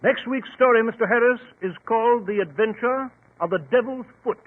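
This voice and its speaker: An actor in a 1940s radio play as a hearty English gentleman doctor with a British accent, bluff, genteel and earnest. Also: very high voice, fairly quick. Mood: storytelling. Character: hearty, admiring English gentleman doctor, the detective's loyal companion. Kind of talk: 1940s radio drama acting. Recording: tinny 1940s radio recording.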